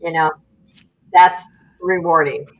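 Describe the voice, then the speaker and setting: A woman's voice: sits low, fairly even intonation, slow, highs cut off. A woman in her late seventies talking casually as a member of a chat panel. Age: late 70s.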